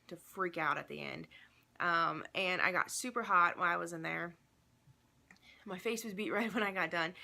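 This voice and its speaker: Young woman just chatting at home, lowish pitch but bright edgy tone, lots of ums, kinda breathless. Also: vocal fry. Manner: chatty, rambling, with many ums and restarts. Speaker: vlogger. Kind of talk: casual chat.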